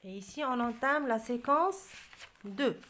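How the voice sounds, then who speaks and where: A woman with an Algerian accent tutoring a child at home, patiently repeating and spelling out words slowly. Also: fairly high pitch, expressive, a bit bright, slight background noise. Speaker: tutor reviewing a French textbook with a child. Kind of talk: home tutoring, French and Arabic mixed.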